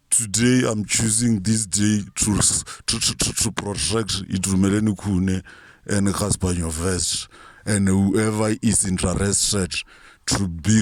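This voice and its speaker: A man's voice: lowish voice, darkish tone, no room sound, clean studio sound. Boastful, profane man. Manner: profane, boastful, mock-courtroom rant with many stutters and restarts. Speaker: self-styled reverend vlogger. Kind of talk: rambling comic monologue to camera.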